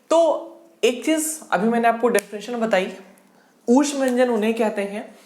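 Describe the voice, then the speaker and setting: A woman teaching a Hindi grammar lesson for exam prep, asking a question and then answering it herself, and drilling sounds aloud slowly. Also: mid-range voice. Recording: echoey room.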